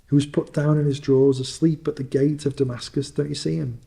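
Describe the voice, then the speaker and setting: Man playing old miser, childlike, exclamatory, repetitive, mellow, storybook fireside storytelling. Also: medium pitch, fairly even intonation, moderate pace, natural voice. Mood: excited. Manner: exclamatory, repeating himself. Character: old miser, childlike in excitement and wistful regret. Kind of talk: fireside storytelling, acted dialogue.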